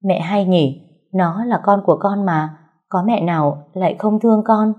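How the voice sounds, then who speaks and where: A woman's voice: medium pitch, normal speed, phone-quality sound, close to an everyday voice. A woman voicing a defensive, indignant young mother.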